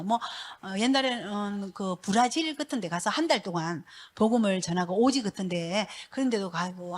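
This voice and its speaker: A middle-aged woman, a pastor's wife giving a church testimony in a lively, laughing storytelling manner. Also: a little high.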